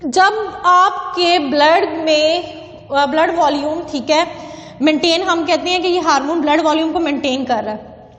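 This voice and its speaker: A woman teaching a biology lecture who explains slowly, asks questions and answers them herself, and mixes English terms into Hindi. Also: high-pitched. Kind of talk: classroom lecture. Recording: echoey room with long reverb.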